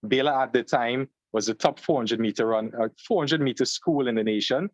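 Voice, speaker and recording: A young man from Trinidad and Tobago with a Trinidadian accent, a guest on an interview podcast, telling his story in a relaxed way, joining over a video call. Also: mid-range voice, brisk, no echo. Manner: relaxed storyteller, fillers, "long story short". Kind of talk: conversational interview. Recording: slightly dull, dry call audio.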